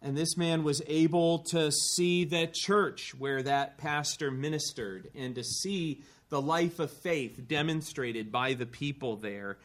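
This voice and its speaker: A man's voice: a little high, slow, few pauses, a bit bright. A man preaching a sermon in a church, telling a story with earnest rising emphasis and the odd dry aside. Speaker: pastor.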